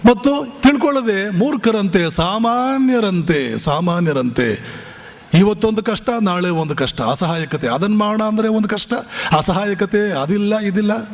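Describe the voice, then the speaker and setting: Fiery high-voiced monk preaching in a reverberant hall. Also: male voice, normal speed. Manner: fiery, exhorting, with rhetorical questions. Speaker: monk giving a spiritual class. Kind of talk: impassioned Kannada discourse.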